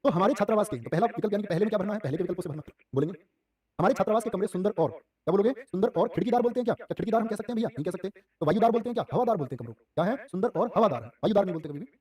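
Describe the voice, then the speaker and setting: A male teacher leading a live online exam-prep class, quizzing students with quick repeated questions and addressing them as dear children. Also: sits high, expressive, mellow, far from the mic.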